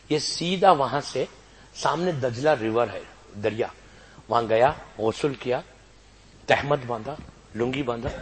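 A man preaching a sermon, telling a religious story that swings between soft, hushed narration and loud, raised exhortation. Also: medium pitch.

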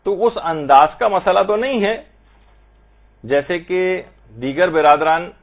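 A man giving an Islamic prayer lesson, patiently explaining and slowly reciting Arabic phrases to show how they should be pronounced. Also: a little high. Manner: slow, careful recitation of Arabic phrases to demonstrate pronunciation. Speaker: religious teacher. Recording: tinny phone-like audio.

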